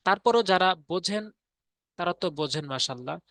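A man teaching Arabic letter pronunciation in a patient, repetitive tutorial, often pausing on fillers. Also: high-pitched, lively intonation, a bit bright, dry recording, clean studio sound. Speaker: Quran reading teacher. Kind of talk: spoken tutorial lesson.

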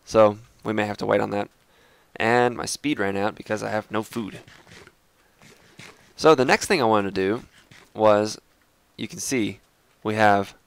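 Stuffy-nosed young guy rambling thru a game video, kinda gravelly, dry close sound. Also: fairly low pitch, dry recording. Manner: chatty and rambling, addresses viewers as guys. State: congested, clogged sinuses. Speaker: Minecraft let's play host. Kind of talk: casual gameplay commentary.

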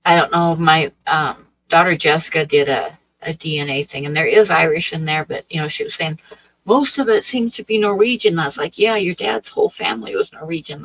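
In a small, dim room with a draped wall, an Oregon woman in her sixties hosts a livestream and chats casually with her live chat. She rambles and hesitates, filling her talk with fillers. Her voice is deep, and the audio quality is poor.

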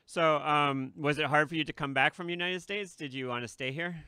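Speaking fairly quickly in a high-ish, pushed, bright voice, this man is the host of a casual interview. He sits at a desk mic with headphones in a small studio hung with a red curtain, chatting freely, laughing often between remarks, and filling gaps with lots of fillers.

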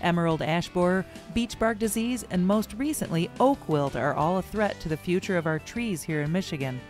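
A woman narrates a segment in an even, informative voice. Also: lowish voice, normal speed, faint music behind. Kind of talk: scripted narration.

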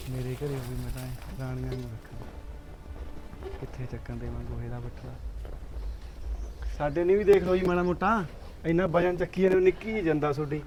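A leering young village lout, played by a man pushes oily, mocking flattery at a woman in a rural family drama. His voice sits a little high for a man. Loud music plays underneath him the whole time. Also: moderate pace, long pauses, close to an everyday voice. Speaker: actor.

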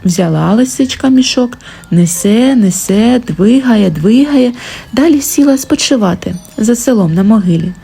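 Woman storyteller, higher voice, lively melody, gentle fairy-tale audiobook narration. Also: measured pace, creaky, husky.

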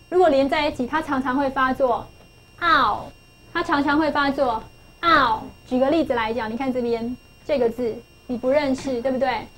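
A woman's voice: high voice, poor audio. A middle-aged woman teaching English phonics to a class, coaxing pupils with questions and repeating key phrases.

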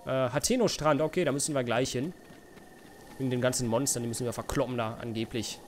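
A man's voice: mid-range voice, steady tone, fast, over music. A young man hosting a let's play, giving casual, sarcastic, joking commentary with mumbled asides.

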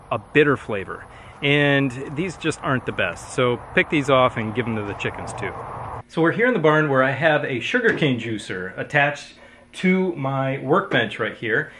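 The host of a homesteading channel gives a steady, step-by-step how-to to camera, recorded on a clip-on lapel mic. His voice is medium-pitched and fairly bright, with a little hiss or hum. He starts indoors in a home workshop barn and later moves to a kitchen.

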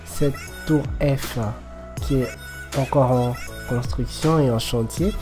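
Slow, hesitant man guiding a walk. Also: medium pitch, fairly even intonation. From Côte d'Ivoire. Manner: slow, hesitant, many fillers. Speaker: walking tour guide. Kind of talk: casual walking-tour narration. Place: outdoors beside a busy city road. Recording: background music and traffic noise.

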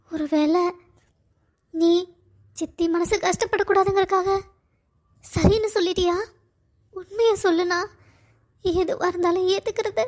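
A woman voicing a distressed young bride-to-be in a cartoon story, pleading and upset. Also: very high-pitched. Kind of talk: cartoon voice acting.

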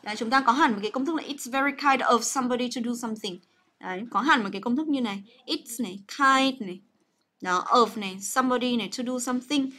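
A woman's voice: on the high side, fast, sharp tone. Chatty woman teaching English. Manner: chatty, coaxing, full of fillers and checks like "right?". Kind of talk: livestreamed grammar lesson.

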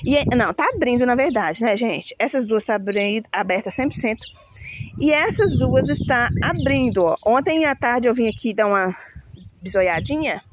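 A woman's voice: a little high, animated, moderate pace, noisy background. A woman chatting casually to her viewers about her plants, laughing at herself when she stumbles over names. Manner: chatty, self-mocking about pronouncing names. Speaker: plant vlogger showing her flowers.

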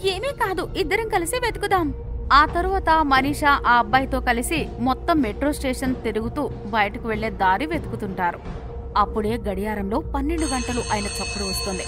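Female storyteller, high-pitched, dramatic scripted narration over loud background music. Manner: measured, dramatic storybook telling.

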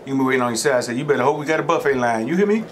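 A middle-aged mukbang host with a Southern US accent talks between mouthfuls of food, his mid-range voice animated and very fast. He chats casually in a folksy, rambling storytelling style, with slight background noise.

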